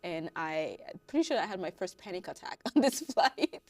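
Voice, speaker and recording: A woman in her thirties from Haiti, a guest on a talk show. She tells her story in a lively way and laughs often. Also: fairly low pitch, moderate pace, no room sound. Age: 30s. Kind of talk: casual interview.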